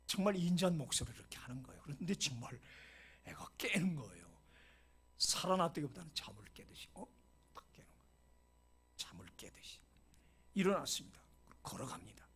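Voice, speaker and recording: Middle-aged male pastor, husky and a bit high, dramatic sermon storyteller moving between whispers and exclamations. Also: very animated, brisk, a bit bright. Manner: mixes in short English phrases.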